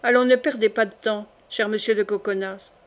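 Woman reading as a hurried male jailer. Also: medium pitch, steady tone, natural voice. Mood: pressing.

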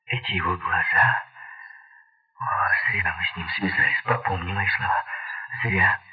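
Man doing a nervous woman accomplice, pleading, low voice, lo-fi. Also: unhurried. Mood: anxious. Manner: pleading, anxious. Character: worried young woman, anxious accomplice. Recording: tinny lo-fi recording.

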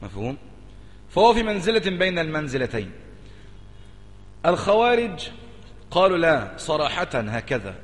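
A man's voice: high voice, breathy edge, in a large hall. A man with an Egyptian accent, a sheikh teaching a religious lesson and explaining a text, who talks emphatically, repeats key phrases and keeps urging listeners to pay attention. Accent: Egyptian Arabic.

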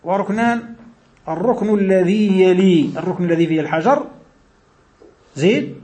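Sheikh, man, fairly high voice, explaining hadith, drops into dialect and asks the class stuff. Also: moderate pace, warm tone. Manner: explanatory, mixes classical and colloquial Arabic, asks the listeners questions. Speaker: Islamic scholar teaching hadith. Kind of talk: religious lesson.

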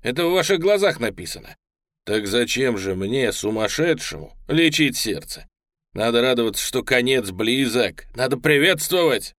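A man voicing a feverish, grandiose man who believes he alone can change history, speaking with manic excitement. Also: medium pitch, moderate pace, no echo, clean studio sound, natural voice. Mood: fervent.

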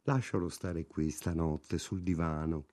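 A male reader plays a kindly, weary old grocer in an audiobook. The voice is low, dark and mild, and he speaks gently. The recording is dry and close. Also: steady tone, measured pace, no room sound. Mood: gentle.

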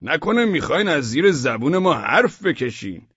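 A man voicing a wary, insistent merchant in an audiobook, speaking slowly and deliberately. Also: on the high side, very animated, fairly bright tone, slightly rough, lo-fi sound, voice pushed up, heavily acted. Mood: suspicious. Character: insistent suspicious male merchant. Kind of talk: audiobook character voice.

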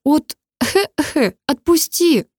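Karina, a woman doing a hoarse, defiant young woman. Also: high voice, animated, takes it slowly, darkish tone, dry recording, studio quality, pitched above the performer's own voice. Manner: hoarse, choking out short cries.

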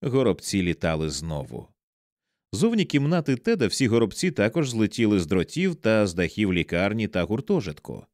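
Guy reading a horror audiobook, lowish voice that swings up and down a lot, very dry close sound. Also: very animated, darkish tone, no room sound. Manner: measured, dramatic storytelling with wide swings in pitch. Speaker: audiobook narrator.

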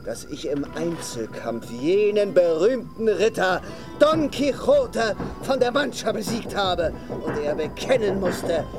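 A man's voice: high voice, big pitch swings, slow pace, music in the background, full character voice. A man playing a boastful, lovesick, theatrically mournful knight in a radio play, declaiming pompously. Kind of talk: German radio play acting.

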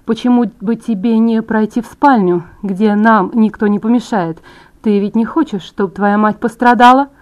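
A smooth-talking male villain, voiced by a woman reading a storybook audiobook. He speaks slowly and quietly, keeping a cool, threatening calm. The menace stays under the surface. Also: fairly high pitch, close to an everyday voice. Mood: cold menace.

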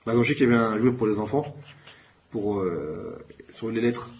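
A man teaching a classroom Arabic lesson in French, calling out each new word louder and then slowly explaining it. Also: lowish voice, animated, slight background noise.

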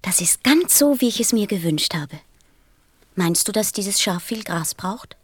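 A woman's voice: medium pitch, expressive, measured pace, breathy edge, dry recording, studio quality. A woman playing an earnest, insistent small boy from another planet in an audio drama, with a childlike way of talking. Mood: delighted, curious.

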